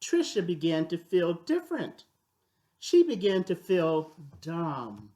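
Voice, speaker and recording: An older woman reads a children's story aloud at an unhurried, slow pace. Her pitch moves up and down in a lively way as she tells the tale deliberately. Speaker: storybook reader.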